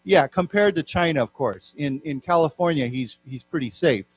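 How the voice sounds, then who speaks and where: A man's voice: fairly high pitch, animated, moderate pace, husky. Man teaching english vocabulary to a class. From Taiwan. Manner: explains words, has the class repeat them. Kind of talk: live classroom lecture. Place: lecture room.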